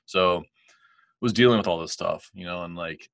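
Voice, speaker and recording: A man telling a personal story in a casual chat, animated, quoting people and using lots of fillers. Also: deep voice, moderate pace, vocal fry, no room sound. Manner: animated, quotes others, many fillers like "like" and "you know". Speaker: guest telling his story.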